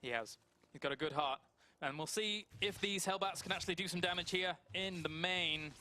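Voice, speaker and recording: A man's voice: high voice, moderate pace, bright, forceful tone. A man co-casting a live strategy game match, agreeing with his partner and adding play-by-play. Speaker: esports co-caster.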